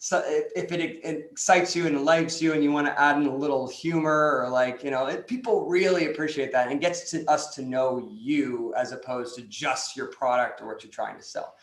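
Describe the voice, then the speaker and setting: A man's voice: medium pitch, fairly even intonation, a little fast, few pauses, reverberant. A man joining an online class, rambling and repeating words, with lots of "like" fillers. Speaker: class participant.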